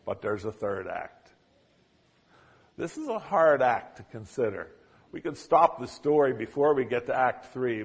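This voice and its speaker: Husky-voiced man preaching a sermon. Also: medium pitch. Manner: dramatic retelling, acting out quoted lines; swings between loud emphasis and quiet.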